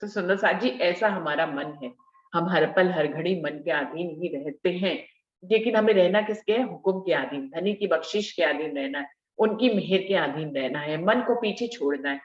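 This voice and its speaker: A woman leading a devotional scripture discussion, explaining verses slowly and repeating key phrases for emphasis. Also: on the low side, reverberant, dull audio. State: slightly unwell. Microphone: video call.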